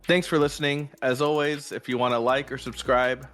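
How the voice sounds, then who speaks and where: A man co-hosting a casual beer podcast, rambling in relaxed chat. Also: mid-range voice, moderate pace, faint music behind. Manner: relaxed, rambling, full of fillers like "like" and "you know". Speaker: podcast co-host.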